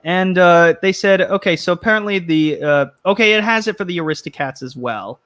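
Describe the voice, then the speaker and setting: Male show host, casual panel chat, a touch high-voiced, loose and rambling delivery. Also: brisk, fairly bright tone. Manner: rambling, restarts, reads chat comments aloud.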